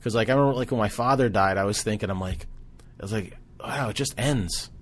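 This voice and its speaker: A man in his forties co-hosting a podcast, talking in a reflective, halting way, full of fillers, over a video call. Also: fairly low pitch. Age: 40s. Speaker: podcast co-host. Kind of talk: casual chat.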